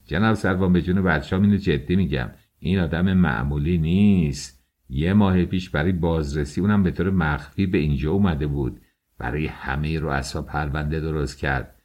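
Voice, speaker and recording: Nosy fawning coachman, low hushed voice, a male narrator putting him on. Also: muffled recording. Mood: pleading. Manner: hushed, conspiratorial, pleading.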